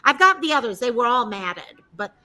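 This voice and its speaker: A woman hosting a casual livestream chat, bubbly and quick to laugh. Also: on the high side, sing-song, bright, forceful tone, rough recording. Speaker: livestream host. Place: home, on a live video stream.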